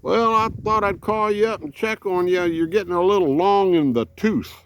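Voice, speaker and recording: A man's voice: high voice, moderate pace, a bit bright, slight background noise, voice pushed up. A man in his seventies voicing a folksy old male friend in his sixties who teases him on the phone. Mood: teasing. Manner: folksy, teasing.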